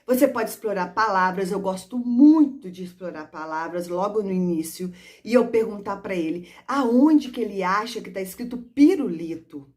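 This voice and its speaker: A woman's voice: medium pitch, lively intonation, moderate pace, a little mellow. A woman literacy teacher giving practical tips to other teachers, acting out classroom prompts as she explains. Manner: demonstrative, sings and acts out classroom prompts; addresses listeners as "gente".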